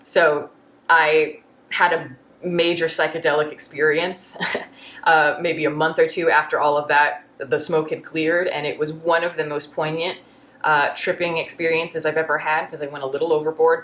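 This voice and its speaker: A woman's voice: sits low, level tone, moderate pace, fairly bright tone, roomy sound. A woman answering viewer questions in a casual way, candid and reflective, often restarting her sentences. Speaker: YouTube film reviewer.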